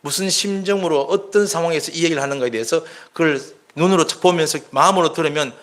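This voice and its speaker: Slightly high male preacher. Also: quick pace, a bit bright. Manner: earnest, conversational preaching with acted quotes. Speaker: pastor. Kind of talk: sermon.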